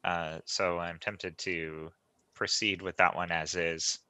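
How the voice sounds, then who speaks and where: A man works through the agenda of a developer meeting. His voice is very low, bright and forceful. The sound is dry and close, as on a video call. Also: little pitch movement, slow, smooth, no echo. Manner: methodical, detailed, hesitant fillers. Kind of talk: online meeting chat.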